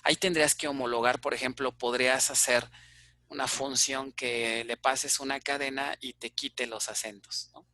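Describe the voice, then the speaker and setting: Bright-voiced Mexican man teaching class. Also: medium pitch, steady tone, normal speed, no echo. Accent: Mexican Spanish. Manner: explanatory, checks in with frequent "ok?" and "este" fillers. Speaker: university database teacher. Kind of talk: online class lecture.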